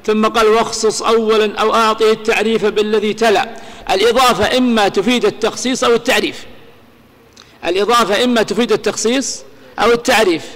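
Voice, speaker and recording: A man teaching Arabic grammar to a class, explaining slowly, repeating examples and asking rhetorical questions. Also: sits high, fairly bright tone, long reverb tail.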